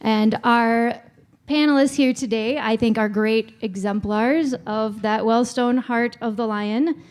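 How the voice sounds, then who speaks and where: A woman's voice: a little high, slow, darkish tone, clear, resonant tone. A woman moderating a church panel discussion, speaking in a friendly, chatty way with small self-aware asides. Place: church hall. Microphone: handheld microphone.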